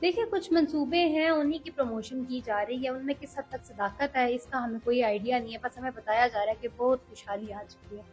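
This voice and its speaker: High-voiced young woman, earnest interview guest. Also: darkish tone, soft background music, poor audio. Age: young adult. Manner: earnest, measured, frequent hesitations. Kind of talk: political interview.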